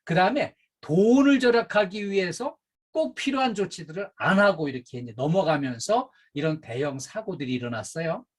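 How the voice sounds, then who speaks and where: Speaking at normal speed, a middle-aged man gives a staff training lecture on safety and customer service. His slightly husky voice sits a little above the typical male range and swoops up and down with emphasis, and fillers pepper his explanations.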